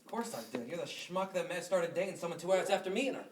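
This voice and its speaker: A man's voice: high-pitched, fast, slight background noise, natural voice. A man playing a dry, teasing store boss. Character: wry male grocery store boss. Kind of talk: student stage play. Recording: echoey stage from far off.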